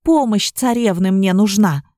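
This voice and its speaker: A woman's voice: medium pitch, measured pace, dark tone, dry recording, clean studio sound, lightly acted. A woman voicing a flustered young witch girl who pleads and sniffles in an audiobook. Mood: pleading.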